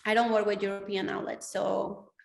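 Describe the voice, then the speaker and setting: A woman's voice: medium pitch, level tone, normal speed, creaky, reverberant. A woman moderating a virtual panel and putting prepared questions to the speakers.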